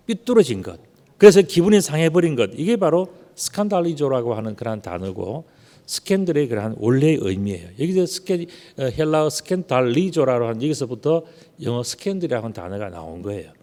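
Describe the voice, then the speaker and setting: A man preaches from the pulpit in a mellow, relaxed tone. He keeps the sermon conversational, with rhetorical questions and drawn-out words for emphasis. His voice carries a long reverb from the church hall. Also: medium pitch. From Gyeongsang region, South Korea. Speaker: pastor. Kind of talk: Sunday sermon with personal storytelling. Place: church sanctuary. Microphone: unmasked behind a screen at the pulpit.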